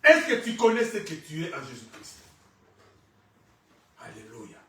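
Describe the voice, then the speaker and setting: A male pastor preaching a sermon, rising to shouts and falling quiet, with Lingala phrases mixed in. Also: on the high side, sing-song, a little slow. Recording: echoey church from far off.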